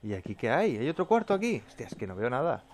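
During his let's play commentary, a man with a mid-range voice talks fast and jumpily, swearing and muttering to himself. His expressive, wide-ranging delivery jumps up into yelps whenever something scares him, and faint hiss runs beneath the audio.

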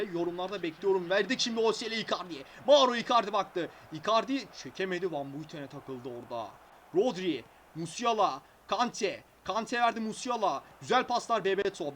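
A man giving excitable live commentary on his own mobile football game, shouting player names when goals go in. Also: high voice, slight background noise. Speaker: mobile football gaming YouTuber.

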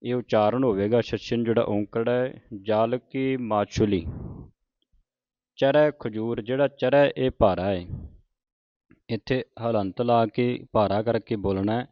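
Patient Punjabi-accented male teacher, slow chanted readings, dry muffled recording. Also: mid-range voice, steady tone, dry recording. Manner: measured, corrective, repeats words slowly. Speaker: scripture pronunciation teacher. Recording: dull, lo-fi dry sound.

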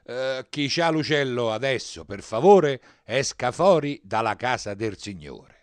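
A man voicing an irritated parish priest who shouts his reproaches at the congregation in a strained, raised voice. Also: mid-range voice, lively intonation, measured pace, dry recording, pitched above the performer's own voice, close to an everyday voice. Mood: annoyed. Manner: shouting, exasperated.

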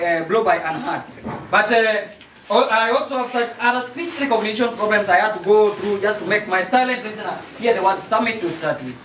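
A man's voice: high voice, fairly bright tone. A man playing a chatty American surveillance expert in an amateur stage play, talking hesitantly and tagging lines with "eh?". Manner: hesitant, tags sentences with "eh?". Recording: roomy, distant mic with faint noise.

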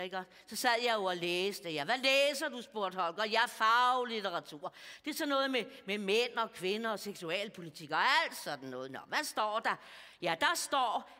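A woman's voice: medium pitch, bright, forceful tone. A woman playing a bawdy, gossipy old lady of about seventy, confiding to a live audience and chuckling at her own jokes. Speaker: comedian. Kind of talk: stand-up character monologue. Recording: stage mic in a hall with audience.

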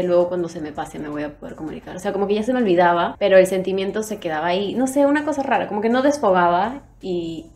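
A woman's voice: mid-range voice, a little mellow, slight background noise. Chatty young woman. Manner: chatty, rambling, with frequent fillers and self-corrections. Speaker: beauty vlogger. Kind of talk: casual get-ready-with-me chat.

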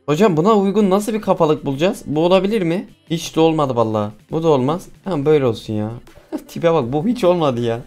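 A young man casually commenting as he plays a mobile game, excitable and pleading with the game as he talks to his viewers. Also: fairly high pitch, fast.

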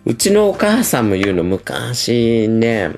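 A man's voice: mid-range voice, wildly swooping pitch, slow pace, darkish tone, faint music behind. A middle-aged man livestreaming, telling stories in a chatty, gossipy way with a feminine speech style. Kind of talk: casual livestream chat.

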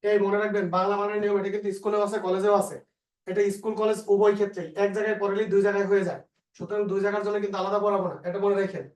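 A male teacher with a Bangladeshi Bengali accent, slowly dictating spelling rules and repeating example words. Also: high voice, flat delivery, a little mellow. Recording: echoey room, voice a bit far from the mic.

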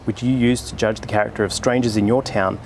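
An Australian man, an astronomer and channel host, doing a comedic sponsor read with a deadpan mock-salesman delivery. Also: on the low side, quick pace, gravelly, a little hiss or hum.

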